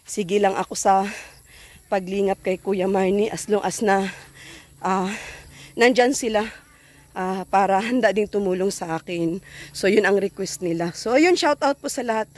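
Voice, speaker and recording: A woman's voice: mid-range voice, a little slow, pauses often, a little mellow. A woman vlogging outdoors on a phone, a little out of breath, chatting casually and thanking her viewers and sponsors. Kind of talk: casual vlog narration.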